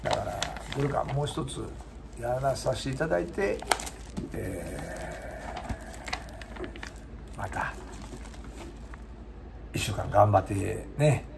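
A man with a Kansai accent chatting casually to his viewers between songs, his voice hoarse and giving out, rambling and polite. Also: on the low side, lively intonation, slow, pauses often, very noisy. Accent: Kansai Japanese. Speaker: singer-guitarist streamer.

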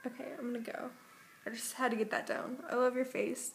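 A woman's voice: on the high side, fairly even intonation, brisk, gravelly, roomy sound, slight background noise. Young woman rambling about a dream. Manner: filler-heavy, self-correcting, meandering. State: just woken up. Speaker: vlogger. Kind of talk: casual rambling story.

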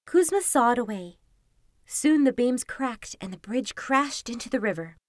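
A woman hosting a calm podcast, reading a folktale aloud in a soft, soothing way. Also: on the high side, a little slow, no echo, clean studio sound. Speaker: podcast host and storyteller.

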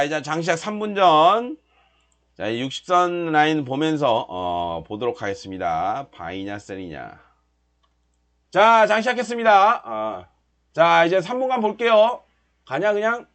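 A man running a live futures trading stream, explaining charts and then shouting and cheering as the price moves. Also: fairly high pitch. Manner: explaining in casual lecture tone. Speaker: trading instructor.

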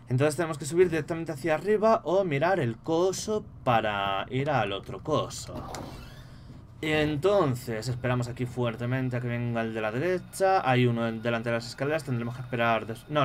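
A man's voice: medium pitch, moderate pace, slight background noise. A young man with a Spain Spanish accent giving casual, profanity-laced commentary while playing a horror game, yelping when startled. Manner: swears freely, yelps when startled. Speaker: gaming streamer.

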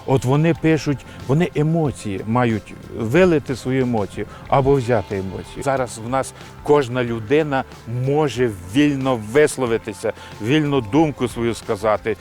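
Reflective older man, poet interviewee. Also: medium pitch. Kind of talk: interview answers.

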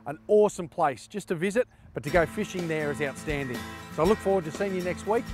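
A middle-aged man hosts a fishing show outdoors by a river, chatting to camera in a relaxed, enthusiastic way. His voice sits a bit high for a man. Loud music plays behind him. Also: fast talker. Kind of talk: casual presenting to camera.

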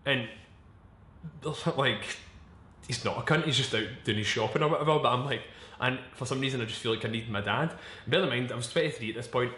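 A young man talks straight to the camera in a confessional vlog, restarting sentences as he searches for the right words. His voice sits at an ordinary middle pitch, and he swears bluntly. The room around him echoes noticeably. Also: bright, forceful tone. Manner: frank and swearing. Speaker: vlogger. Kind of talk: candid personal vlog monologue.

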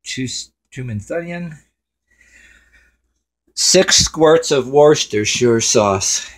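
A man's voice: mid-range voice, animated, slow. A man hosting a home cooking show in his kitchen, rambling and swearing casually to himself as he works.

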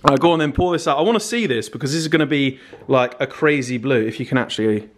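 A man's voice: mid-range voice, fast talker. A young man from England hosting a casual vlog at home, teasing and jokey as he talks to a handheld camera. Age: young adult. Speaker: vlogger host. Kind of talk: casual chat. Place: apartment living room indoors.

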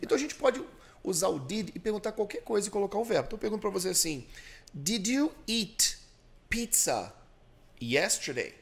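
A man's voice: high-pitched, expressive, very fast, creaky, darkish tone. A man with a Brazilian Portuguese accent hosting a podcast and teaching English grammar, patiently explaining and drilling repetitions. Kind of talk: bilingual English lesson.

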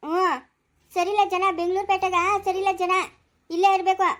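A woman playing a blunt, gossipy village neighbor who talks in rapid rural Chikkaballapur Kannada, heard from some distance off the mic. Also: very high-pitched, level tone. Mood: warning. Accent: Kannada, Chikkaballapur rural dialect. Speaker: neighbor Subbamma.

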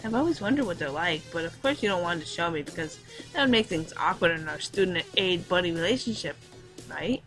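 A woman's voice: lowish voice, animated, fairly quick, a bit bright, soft background music, low-quality recording. A woman voicing a coy, teasing schoolgirl in a visual novel she reads aloud.

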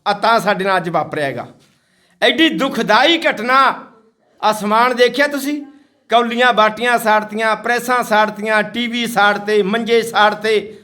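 A man's voice: high-pitched, moderate pace, sharp tone. A man from Haryana, a social activist, giving an impassioned, scolding speech to villagers outdoors. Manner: indignant, scolding, repetitive.

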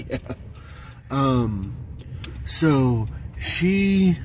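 A man's voice: mid-range voice, lively intonation, drawn-out words. A man in his thirties chatting casually for a vlog from inside a car at night, rambling with many fillers, filmed on a phone at arm's length. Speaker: vlogger. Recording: loud car road noise.

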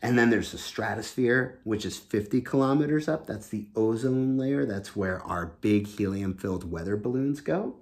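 A man in his thirties reads a children's book aloud in a small room at home, explaining it simply and with enthusiasm as he goes. His voice is fairly low and darkish, moving at a moderate pace with few pauses, in an animated storytelling style.

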